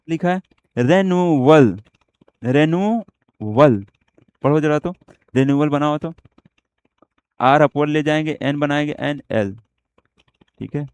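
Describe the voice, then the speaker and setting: A man's voice: medium pitch, a little mellow, smooth. A man teaching shorthand in an online lesson, explaining step by step and asking and answering his own questions on words. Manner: explains step by step, often asks and answers himself.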